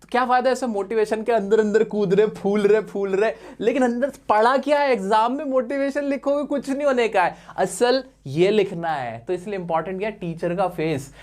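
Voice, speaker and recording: A man teaching an exam lesson in an animated, coaxing way, full of rhetorical questions and playful teasing. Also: sits high, moderate pace, hardly any pauses. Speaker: English teacher. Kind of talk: classroom-style exam lesson.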